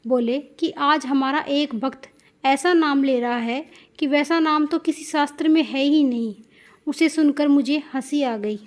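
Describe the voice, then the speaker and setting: A woman narrating a devotional folk story in a steady, plain storytelling manner, addressing her listeners directly at the end. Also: high voice, unhurried.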